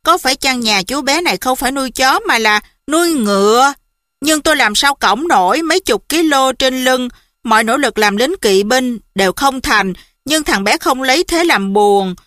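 Expressive woman audiobook narrator, bright tone, close and dry. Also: high-pitched, moderate pace, no room sound. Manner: lively, expressive first-person narration. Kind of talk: storybook narration.

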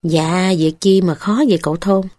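A woman's voice: on the low side, steady tone, moderate pace, mellow, no echo, studio quality, lightly acted. A woman with a Southern Vietnamese accent voicing a poor, downcast village man who speaks humbly and hesitantly. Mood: pleading.

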